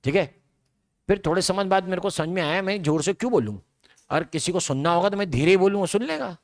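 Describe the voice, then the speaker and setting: A man's voice: high voice, lively intonation, fast talker. A man giving a biology lecture to a large classroom. He talks in a loose, conversational way and keeps checking in with rhetorical questions. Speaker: biology teacher.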